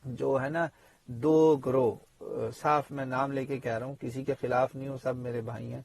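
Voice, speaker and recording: A man giving a spoken tajweed lesson in an explanatory way, pausing often on fillers and asides. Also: medium pitch, level tone, gravelly, darkish tone, husky, no room sound. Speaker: Quran teacher and imam.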